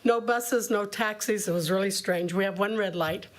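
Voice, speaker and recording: A woman's voice: mid-range voice, normal speed. Chatty woman from Germany speaking. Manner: chatty, folksy speech. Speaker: public commenter. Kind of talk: public hearing testimony.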